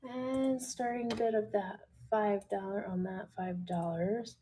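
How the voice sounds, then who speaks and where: Midwestern woman host, relaxed slow livestream seller who chats to herself. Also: mid-range voice, breathy edge. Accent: Midwestern American. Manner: chatty, talks to herself while listing items. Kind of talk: casual livestream selling.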